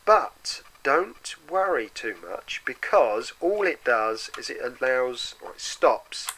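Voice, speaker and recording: Male reviewer, gravelly voice, bad cold, sore throat, bright forceful edge, mid pitch, casual explanatory delivery. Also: rough recording. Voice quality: gravelly, deeper than usual from a cold. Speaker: product reviewer for an airsoft custom shop. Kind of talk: casual hands-on product review.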